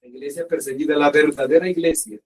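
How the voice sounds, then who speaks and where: A man giving a sermon as a priest, earnest and emphatic, slowing down to stress his points. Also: a little high, fairly even intonation, distant mic, poor audio. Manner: earnest, slow emphatic preaching with pauses.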